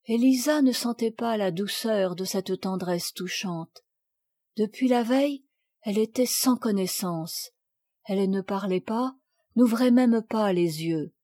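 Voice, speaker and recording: A woman narrating a classic children's novel in a clear, measured reading. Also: mid-range voice, warm tone, dry recording, studio quality. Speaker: audiobook narrator. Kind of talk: scripted storybook narration.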